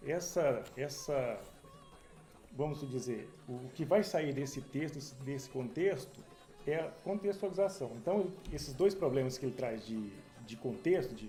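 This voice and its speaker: A man discussing a theory text in a seminar, halting and repeating words as he reads from it. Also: medium pitch, dark tone, roomy sound. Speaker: seminar participant. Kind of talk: academic discussion.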